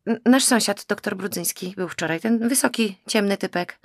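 A woman's voice: medium pitch, normal speed, no echo, clean studio sound, voice pushed up, lightly acted. A woman voicing an agitated, exasperated young woman in an audiobook, pleading and raising her voice. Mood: awkward. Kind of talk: audiobook character voice.

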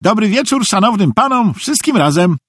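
A naive, good-natured middle-aged soldier, put on by a man reading an audiobook, talking in a high, bouncing, earnest voice that rambles on. The tone stays husky and close, with no room around it. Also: sing-song, moderate pace, a bit bright, no room sound, full character voice. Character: cheerful simple-minded middle-aged male soldier, earnest.

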